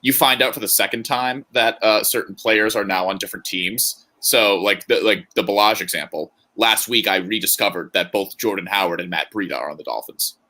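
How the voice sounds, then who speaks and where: A man's voice: fairly low pitch, a little fast, few pauses, pushed and bright. A man co-hosting a podcast in casual banter, joking and rambling with frequent laughs. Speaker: podcast co-host.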